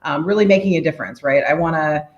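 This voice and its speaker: A woman in her forties from the DC area, a mayor, talking as a podcast guest in an energetic, upbeat way and laughing often. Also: low-pitched, fast talker, roomy sound, muffled recording. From United States, DC area. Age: 40s. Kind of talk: podcast interview, casual.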